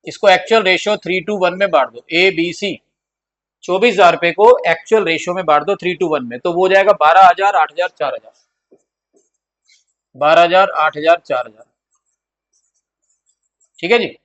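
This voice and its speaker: A man teaching accounts in a classroom lecture style, repeating key points and mixing in terms. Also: sits high. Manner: repetitive, drills points, acts out pleading partners.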